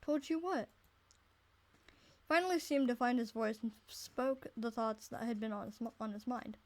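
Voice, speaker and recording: This casual let's-play has a woman reading a visual novel out loud, fumbling words, starting over repeatedly and interrupting herself with jokes and swearing. Her voice is a little high, a little fast and a little mellow.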